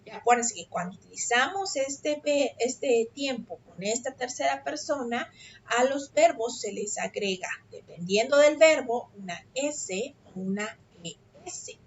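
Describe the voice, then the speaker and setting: A woman teaching an online English class, explaining an assignment patiently and often checking understanding with a quick "ok?". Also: fairly high pitch, animated, slight background noise. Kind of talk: explaining an assignment on a video call. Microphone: computer mic on a video call. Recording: dull lo-fi video call audio.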